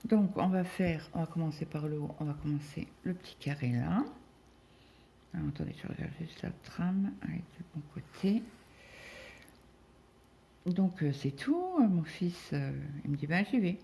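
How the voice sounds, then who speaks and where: A middle-aged woman from France talks casually as she stitches, her voice dark and mellow. She rambles through a story with many fillers and quoted back-and-forth. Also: sits low, lively intonation, normal speed, creaky, slight background noise. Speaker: crafting vlogger. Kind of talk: casual chat while cross-stitching.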